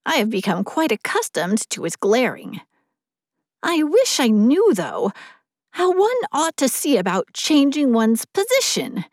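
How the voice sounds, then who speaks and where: A woman doing a high, wondering snowman. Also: huge pitch swings, unhurried, no echo, clean studio sound, exaggerated voice. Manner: wondering, eager questions. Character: naive newly made male snowman, curious.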